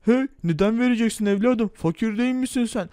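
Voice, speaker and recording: A man's voice: extremely high pitch, a little fast, warm tone, no room sound, clean studio sound. A man playing a courteous, kind-hearted restaurant waiter in a game role-play. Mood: polite.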